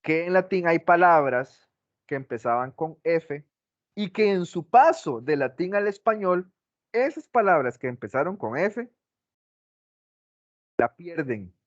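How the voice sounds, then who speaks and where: A man's voice: fairly high pitch, lively intonation, a little slow, pauses often, no echo. A male teacher giving a class lecture, asking the class questions and repeating his examples, on a dull lo-fi recording.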